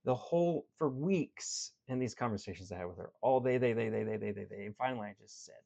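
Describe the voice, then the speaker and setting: A man with a mid-range, gravelly voice talks fast. He plays a life coach giving an earnest, direct motivational talk and tells a story from his work, swinging between animated and quiet.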